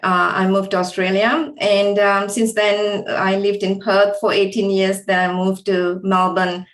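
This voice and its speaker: A woman's voice: mid-range voice, little pitch movement, unhurried. Hesitant woman in an echoey room. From Singapore. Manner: hesitant, many ums. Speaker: guest. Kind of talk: interview answers.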